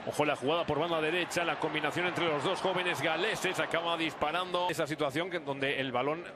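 A man doing live football play-by-play, excitable and surging into drawn-out shouts at goals. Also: on the high side. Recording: very noisy outdoor stadium ambience.

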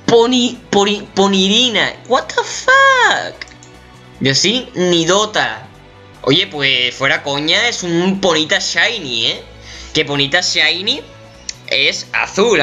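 A gaming YouTuber with a Spain Spanish accent gives casual reaction commentary in a voice on the high side. He's animated and swears, squealing in mock shock.

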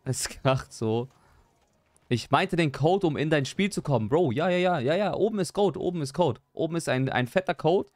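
A young man chatting live while he plays a game, excitable, repeating his exclamations and joking at his own expense. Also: fairly high pitch, normal speed, no room sound, soft background music. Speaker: gaming streamer. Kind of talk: live gameplay stream chat.

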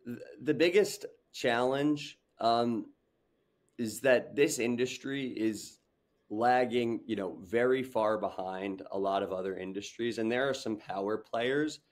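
A young man, a startup founder, speaks earnestly in a video call interview from a home room with a large window. His mid-range voice keeps a measured pace, though he uses many fillers and restarts.

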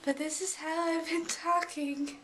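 Young woman, casual vlogger, tiny fairy-like high voice, careful and giggly, noisy home camera sound. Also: fairly even intonation, a little slow, a bit bright. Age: young adult. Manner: talking gingerly, giggly, suppressing laughter. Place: small bathroom at home. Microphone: camera at arm's length.

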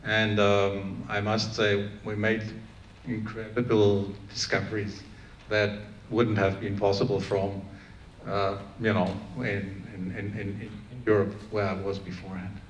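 Middle-aged plant scientist guy on a panel, low-ish voice, lots of restarts, echoey room. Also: completely flat delivery, measured pace, dull audio. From Iran, raised in Germany. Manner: earnest, many restarts and fillers. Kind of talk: panel discussion answer. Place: conference room with audience. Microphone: handheld microphone. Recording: echoey room, faint room noise.

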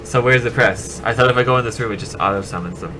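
A man's voice: fairly low pitch, fast, music in the background. A man commentating a video game in casual banter, sarcastic and crude, swearing often. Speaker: gameplay commentator. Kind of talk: casual let's play banter.

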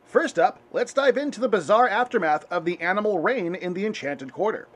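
A dry, matter-of-fact puppet news anchor, voiced by a man. His voice is high and animated, rising and falling through deadpan lines. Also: a little fast. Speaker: host. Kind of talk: comedic spoof news.

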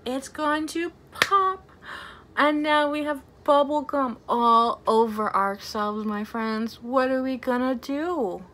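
A librarian in her thirties leads a storytime for young children, speaking animatedly and slowly in a high voice with simple, exaggerated phrasing. She's in a small, plain indoor room, and there's a little hiss or hum on the recording.

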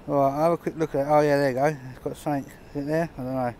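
A man with a fairly high, mellow voice rattles off rapid, steady-toned commentary while metal detecting on a pebble beach, chatty and understated with chuckles between finds. It's filmed outdoors on a handheld camera held close to his hands.

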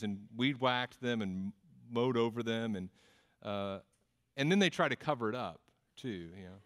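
A male pastor of middle pitch gives a conversational sermon, often repeating words as he gathers his thoughts. He mixes teaching with self-deprecating humor. His voice carries a long reverb from the church sanctuary. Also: a bit bright.

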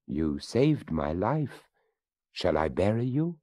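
A man's voice: deep voice, sing-song, slow pace, dark tone, no room sound, clean studio sound, voice pushed up, exaggerated voice. A man voicing an earnest, grateful boy in a storybook reading.

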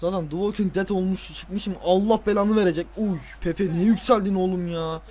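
A man's voice: sits high, moderate pace. Tired man ranting over a football game. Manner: swears and rants at players, excitable outbursts. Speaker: gaming video creator. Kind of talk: casual football game commentary.

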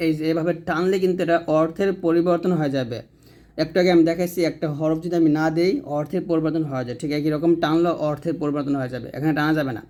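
Slow-spoken teacher, a man. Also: fairly high pitch, steady tone, dark tone. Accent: Bangladeshi Bengali. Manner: slow, deliberate explanation with drawn-out example words. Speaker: Quran reading teacher. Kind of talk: recorded lesson.

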